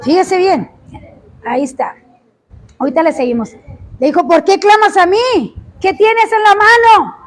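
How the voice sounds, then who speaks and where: A woman preaching a sermon, impassioned, often rising to shouts and drawing out words for emphasis. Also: very high voice, normal speed, pauses often.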